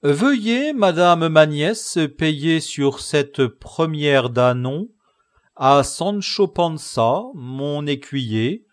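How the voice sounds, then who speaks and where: A man's voice: a little high, expressive, very slow, dry recording, clean studio sound. A man voicing a lovesick, grandiloquent middle-aged knight in an audiobook, solemn, lofty and formal. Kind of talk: audiobook character reading.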